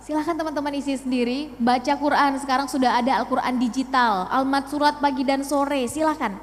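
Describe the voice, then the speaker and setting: A woman's voice: high-pitched, fairly even intonation, brisk. A young woman giving a motivational talk to a youth audience, asking rhetorical questions and mixing in English phrases. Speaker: speaker at a youth talk show. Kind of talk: motivational public speech. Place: hall with live audience. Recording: long hall reverb.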